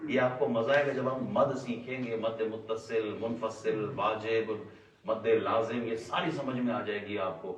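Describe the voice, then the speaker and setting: A man's voice: on the low side, fairly even intonation, unhurried, distant mic, a little hiss or hum. Man teaching a class in an echoey room. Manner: questions the class and answers himself, stretches sounds to demonstrate. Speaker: Quran recitation teacher.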